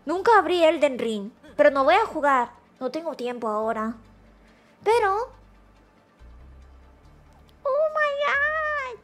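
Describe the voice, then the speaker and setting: A woman streaming casually, excitable and quick to shriek when startled, slipping into Japanese and English phrases. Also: sits high, soft background music. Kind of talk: casual live-stream chat.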